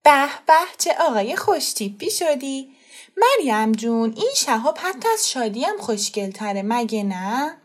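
A woman's voice: high-pitched, big pitch swings, hardly any pauses, a little mellow, voice pushed up. A woman reading an audiobook, voicing a cheerful young woman who coaxes a small boy in a sweet, persuasive way. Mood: coaxing.

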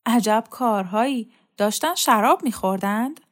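A woman reading a story aloud, voicing a calm, bookish young man who speaks in a measured way. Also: on the high side, lightly acted.

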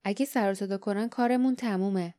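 A woman's voice: medium pitch, dark tone, lightly acted. A woman voicing a brave, blunt young woman adventurer in an audiobook, firm and urgent. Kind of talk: audiobook dialogue.

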